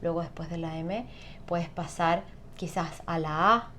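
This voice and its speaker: Woman guest, low-ish voice, patient and explanatory; faint noise on the line. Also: a little slow. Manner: calm, explanatory, frequent tag questions. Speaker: sound therapist guest. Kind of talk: conversational interview.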